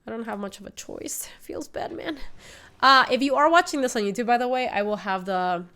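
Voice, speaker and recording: In a brisk, bright, forceful voice pitched a little high, a woman in her twenties plays a card game on stream from home. Though sniffly from a cold, she stays chatty, explaining her deck choices and reading out chat messages.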